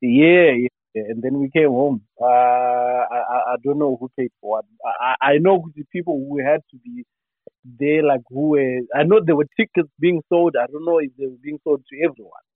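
A man's voice: medium pitch, moderate pace, no room sound. Stammering man over a tinny phone line. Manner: hesitant, stammering restarts. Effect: heard over the phone. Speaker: comedian phoning in. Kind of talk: casual call-in chat.

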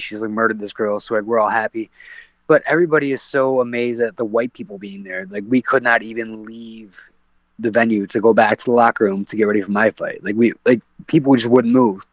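A man's voice: mid-range voice, dry recording. Rambling man telling a story, dry lo-fi sound. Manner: rambling, many fillers and restarts. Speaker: guest, professional MMA fighter. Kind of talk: casual podcast storytelling.

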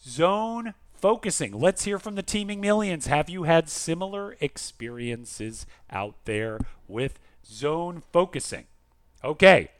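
Reading letters from listeners and bantering on a podcast he co-hosts, this man is theatrical, emphatic, and full of jokes in a lively, casual chat. He speaks slowly in a highish voice with lively intonation, and the sound is echo-free.

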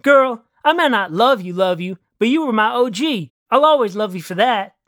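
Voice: mid-range voice, expressive, normal speed, a bit bright, dry recording, lightly acted. A reader voicing a crude, laid-back young man who talks in slang, calling everyone man and girl, in a dry close recording. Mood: lazy, friendly. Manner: drawling street slang, calls people man and girl. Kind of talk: storybook reading.

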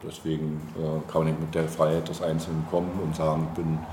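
Speaking extremely low, fast and in a monotone, a man acts as a local politician in a conversational interview. He explains at length in rambling, hesitant sentences. The audio carries a roomy echo and faint background noise.

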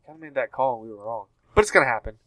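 A man chatting casually about video games, talking loosely with lots of fillers and quick laughs. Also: mid-range voice, animated, a bit bright. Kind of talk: casual gaming chat.

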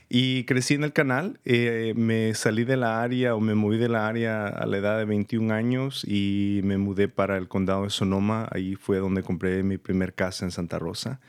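Man from El Salvador, low voice, friendly loan officer guest, breaks things down simply. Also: clear, resonant tone. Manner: friendly, laughs easily, plain step-by-step explanations. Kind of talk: interview, explaining.

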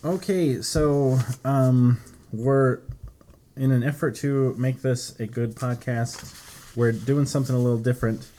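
Podcast host guy, jokey and loose, swears a lot, mellow low tone, a bit of hiss behind. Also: steady tone, a little slow. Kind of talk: casual chat.

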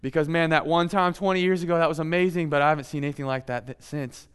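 A man preaching a sermon in a relaxed, conversational way, with playful asides to his congregation. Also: a little high, fast talker, clear, resonant tone. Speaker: pastor.

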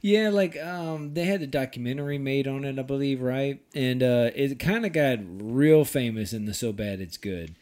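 A man hosting a casual podcast, animated and laughing often, swearing freely. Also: mid-range voice, normal speed, few pauses. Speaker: podcast host.

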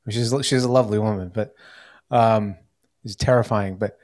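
A man's voice: on the low side, steady tone, moderate pace, a little mellow. Rambling American man hosting a podcast. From United States. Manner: rambling, many "like" fillers and restarts. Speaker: podcast host. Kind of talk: casual chat.

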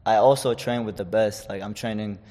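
A man's voice: on the low side, steady tone, fairly quick, mellow, in a large hall. A man in his twenties from Chechnya, a fighter talking casually in an interview, rambling with many fillers and restarts. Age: 20s. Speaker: guest, amateur fighter.

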